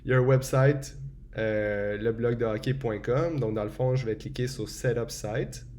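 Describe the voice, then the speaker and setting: Guy doing a screen tutorial, warm low-key voice, lots of euhs, slight hiss behind. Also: measured pace. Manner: relaxed and explanatory, frequent hesitations. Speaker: tutorial presenter. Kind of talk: screen-recorded software tutorial.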